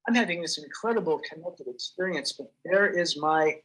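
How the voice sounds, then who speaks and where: A man giving an earnest, halting personal testimony as an accident survivor, often restarting his sentences. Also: fairly high pitch, animated, a bit bright, slightly rough, poor audio.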